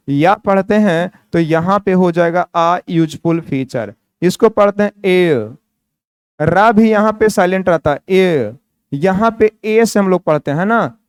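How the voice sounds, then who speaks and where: A man's voice: sits high, clear, resonant tone, dry recording, clean studio sound. A man teaching English grammar in Hindi. He asks the viewers questions, answers them himself and repeats key words. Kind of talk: Hindi-language grammar lesson.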